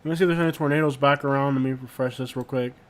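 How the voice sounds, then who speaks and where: A man hosting a casual live stream, talking in an informal, slangy and halting way and often repeating himself. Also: mid-range voice, steady tone, slight background noise. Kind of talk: casual live stream chat, reacting to viewers. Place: inside a rented house.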